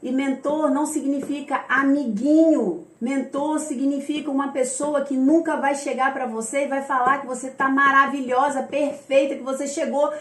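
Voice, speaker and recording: A woman's voice: sits high, fairly even intonation, moderate pace, few pauses, reverberant. A Brazilian woman who coaches and mentors, giving a firm, emphatic motivational talk to the camera and acting out the voices of the people she quotes. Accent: Brazilian Portuguese.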